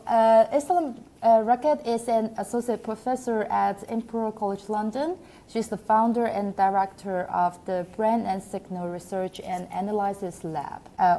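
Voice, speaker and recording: A woman's voice: medium pitch, fairly even intonation, normal speed, dark tone. A young woman in her twenties, a PhD student hosting a podcast, introducing a guest eagerly and asking questions. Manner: enthusiastic, eager.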